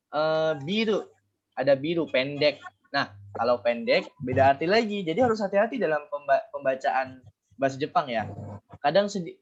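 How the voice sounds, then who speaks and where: A man's voice: on the high side, dull audio, slight background noise. Guru pria bersuara rekaman kusam. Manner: explains step by step, self-correcting often. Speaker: Japanese language teacher. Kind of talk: online class lesson.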